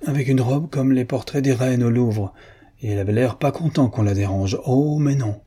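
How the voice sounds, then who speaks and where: A man's voice: mid-range voice, normal speed, mellow, breathy edge, voice pushed up, close to an everyday voice. A man reading aloud who voices a simple, fidgeting concierge in a plain, folksy way.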